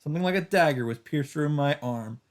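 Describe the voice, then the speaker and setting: Here the let's play host's voice is fairly high and fairly quick as he reads visual novel text in a casual, dramatic way, tossing in asides. The visual novel soundtrack runs behind him.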